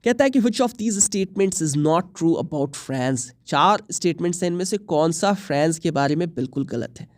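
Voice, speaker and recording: A man's voice: fairly high pitch, animated, measured pace, few pauses, no room sound, clean studio sound. A young male teacher with an Indian accent explains a multiple-choice lesson, mixing English terms into Hindi. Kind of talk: exam prep lesson.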